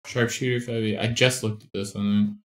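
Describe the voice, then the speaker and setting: A man's voice: lowish voice, level tone, moderate pace, echoey room. A man playing a tabletop role-playing game, talking through rules and rolls in a matter-of-fact way. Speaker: player. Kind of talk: casual tabletop play.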